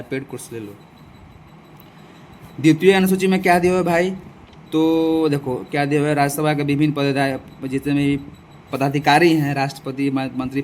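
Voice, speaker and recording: A man's voice: a little high, darkish tone, a little hiss or hum. A man from Bihar, teaching an exam-prep lesson in a casual, repetitive style, asking his viewers rhetorical questions. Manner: chatty, repeats lists, addresses viewers as bhai. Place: farm field outdoors.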